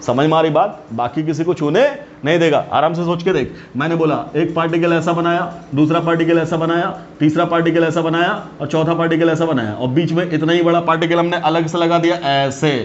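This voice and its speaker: Guy teaching chemistry, kinda high voice, keeps asking "clear?", dull lo-fi recording with some hiss. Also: fairly even intonation, brisk, few pauses. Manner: keeps asking the students questions; calls students "beta". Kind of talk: classroom lecture.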